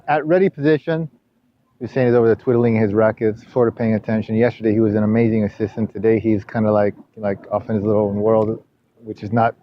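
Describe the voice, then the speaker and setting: A man coaching a teenage player through drills, talking in rambling bursts with many restarts and rising sharply when he scolds. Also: no echo. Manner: rises loud and high when scolding. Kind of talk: sports coaching session. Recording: dull lo-fi camera audio.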